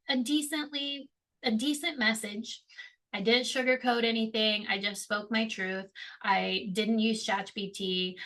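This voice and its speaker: Bright-voiced woman, candid and chatty. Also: mid-range voice, creaky. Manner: candid and emotional, swears freely, laughs at herself. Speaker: podcast host. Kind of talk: casual solo podcast monologue.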